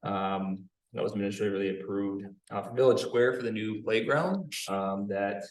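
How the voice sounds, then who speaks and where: A man's voice: on the low side, normal speed. A city staff member, a man, reporting to a public meeting, apologetic and hesitant, with many fillers. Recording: roomy, echoey meeting room.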